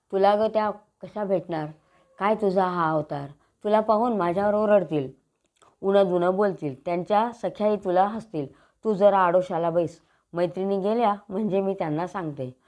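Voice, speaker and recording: A woman's voice: medium pitch, moderate pace, a little mellow, lightly acted. A woman voicing a worried palace maid in a storybook tale, speaking in a questioning, fretful way.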